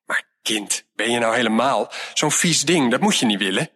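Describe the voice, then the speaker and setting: A man reading a storybook aloud and voicing a fretful middle-aged mother who sighs and scolds as she clears out her late mother's room. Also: medium pitch, lively intonation, moderate pace, pushed and bright. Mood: exasperated. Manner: exasperated, sighing, scolding.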